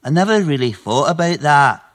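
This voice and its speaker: An actor playing a naive, literal-minded and earnest toilet cleaner in an audio comedy. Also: male voice, on the high side, lively intonation, moderate pace, a bit bright. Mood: meek, earnest.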